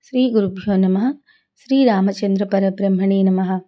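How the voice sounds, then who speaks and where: A woman telling an epic story to children, lively and full of questions to her listeners. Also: medium pitch, normal speed. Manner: animated, asks the listeners questions.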